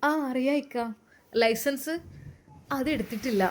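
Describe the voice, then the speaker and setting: A timid young bride on the edge of tears, her replies short and hesitant, pitched noticeably higher than the storyteller's own voice , as a woman puts her on with a Malappuram Malayalam accent. The voice is soft and quiet. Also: unhurried. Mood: shy.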